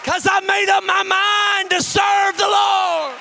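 A man in his forties preaching a sermon, swinging from impassioned shouting and half-sung lines to soft, low, confiding passages. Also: little pitch movement, takes it slowly, gravelly, some chatter behind, a little hiss or hum. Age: 40s.

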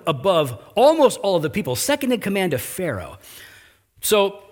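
A man preaching a sermon as pastor, animated and conversational, with his voice rising for emphasis and quick asides. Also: on the high side.

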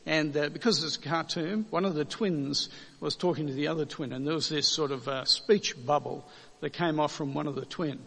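A man preaching a sermon in a conversational way, asking rhetorical questions and slowing down to stress key words. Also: a little high, fairly even intonation, vocal fry, fairly bright tone, big-room sound.

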